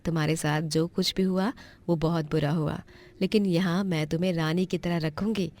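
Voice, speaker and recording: A woman doing a soft kindly mother. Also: on the low side, fairly even intonation, normal speed, natural voice. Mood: soothing. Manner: soft and soothing. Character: kind gentle older mother.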